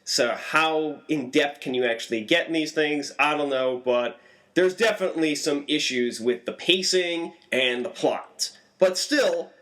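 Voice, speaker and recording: A man giving a casual, animated movie review, swinging his voice up for emphasis. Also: fairly high pitch. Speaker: film reviewer.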